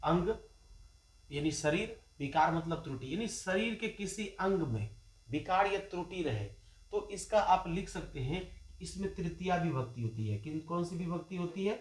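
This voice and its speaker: A man's voice: on the high side, lively intonation, moderate pace. A male Sanskrit teacher with a Bihari Hindi accent, giving a grammar lesson. He asks questions and answers them himself, and he repeats key terms. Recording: echoey classroom.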